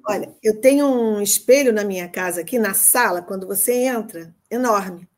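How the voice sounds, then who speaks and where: A woman's voice: mid-range voice, normal speed. An older woman with a Rio de Janeiro accent, speaking earnestly and from the heart as a physician client on a video call, often checking that she's been understood. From Brazil. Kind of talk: casual conversation.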